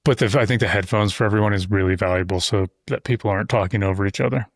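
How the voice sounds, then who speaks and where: In a casual podcast conversation, a male host with a lowish voice races along, talking at length with loose asides. He uses a close studio mic in an insulated shop-building studio, and there's no echo.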